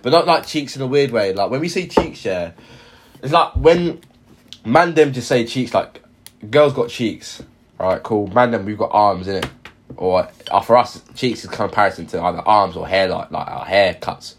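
A man's voice: fairly low pitch, normal speed. A man co-hosting a podcast, chatting casually in street slang and often repeating himself. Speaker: podcast co-host.

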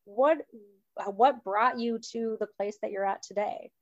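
A woman with a slightly high voice hosts a parenting podcast, asking questions at an unhurried pace in a friendly way, with small restarts. The recording is dry, with a dull lo-fi sound.

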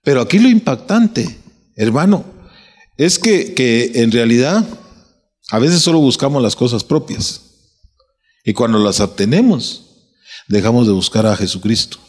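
A man's voice: mid-range voice, expressive, a little slow, long pauses, darkish tone, husky, big-room sound. A man preaching a sermon, asking his listeners questions and restarting his phrases as he builds his point.

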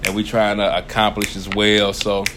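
A young man, co-hosting a casual podcast. He is animated, laughs often and jumps up into high exclamations. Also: normal speed, noisy background. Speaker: podcast co-host. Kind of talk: casual chat.

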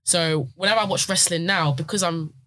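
A young woman, chatting casually in a halting, informal way. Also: on the low side, pushed and bright. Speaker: wrestling performer. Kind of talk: casual chat.

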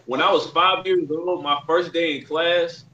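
Deadpan man with faint room noise. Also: a little high, unhurried, roomy sound, recorded from a distance, dull audio. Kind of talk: casual banter.

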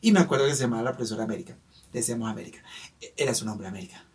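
A man's voice: mid-range voice, rapid-fire, darkish tone, husky. A man in casual chat, telling childhood stories in a playful, joking way.

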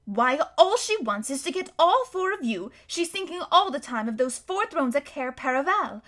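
A woman reading aloud voicing a practical, motherly female beaver who reasons things out briskly. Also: high voice, big pitch swings, a bit bright, pitched above the performer's own voice. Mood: reasoning.

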